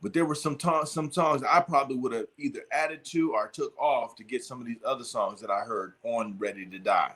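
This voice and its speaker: A man's voice: medium pitch, fairly quick, few pauses, fairly bright tone. A middle-aged man hosting a casual chat, telling a long story with lots of fillers and restarts. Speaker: podcast host.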